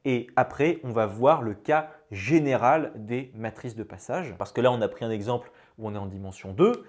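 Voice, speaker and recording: A man's voice: medium pitch, expressive, normal speed, darkish tone. Enthusiastic man teaching maths. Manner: enthusiastic, marvels at results with casual fillers; explains step by step, addressing students directly. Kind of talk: classroom-style lecture.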